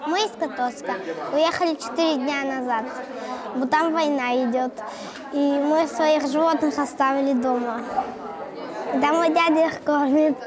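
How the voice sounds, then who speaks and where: A woman refugee speaking slowly about leaving her animals behind. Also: high voice, crowd noise. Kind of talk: interview.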